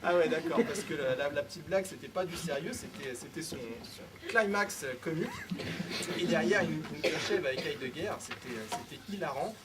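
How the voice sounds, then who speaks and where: A man's voice: fairly high pitch, fairly quick. A young man on a jury giving a sarcastic, mocking critique of a speaker. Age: young adult. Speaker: jury member. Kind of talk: comic critique of a speech. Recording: far mic, loud audience.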